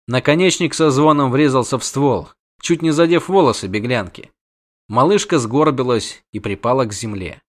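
A man narrating a fantasy novel in an even, measured storytelling voice. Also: medium pitch. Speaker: audiobook narrator.

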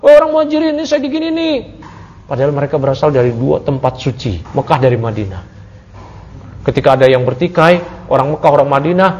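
A man teaching an Islamic study class, talking casually with his listeners and swinging from low asides to raised, emphatic points. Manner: conversational, asks the audience, swings from low to raised emphatic tones. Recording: muffled audio recording.

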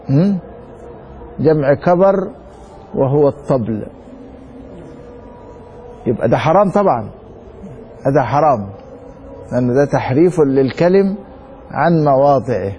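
A man with an Egyptian Arabic accent teaching a religious lesson, reading a text slowly and then explaining it with rhetorical questions to his students. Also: a little high, dull audio, slight background noise. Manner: reads a text slowly, then comments quickly. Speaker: sheikh teaching Maliki law.

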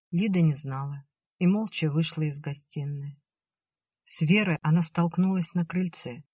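An audiobook narrator reading literary prose in an even, measured way. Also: mid-range voice, no echo, studio quality.

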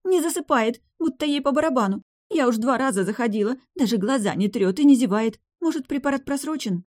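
A woman voicing a frightened young woman who pleads in a high, trembling voice. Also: expressive, a little fast, a little mellow. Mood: sulky.

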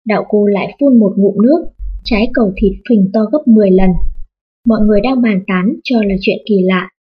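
A woman reading a storybook audiobook aloud in a steady, even manner. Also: mid-range voice, a little fast, slightly rough, muffled recording. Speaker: audiobook narrator. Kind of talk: scripted storybook narration.

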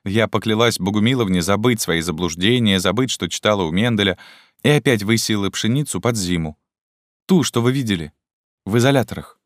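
A man reading an audiobook voices a young woman, an earnest student in love, in a soft, pleading, raised voice. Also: lowish voice, fairly quick, no room sound, voice pushed up, close to an everyday voice. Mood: wistful. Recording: dry close studio sound.

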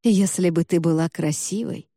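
A woman's voice: normal speed, warm tone, dry recording, studio quality. A woman voicing a cruel, manipulative female phantom in an audiobook, coaxing in an insidious tone. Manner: insidious, coaxing whispers turning shrill. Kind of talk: audiobook character reading.

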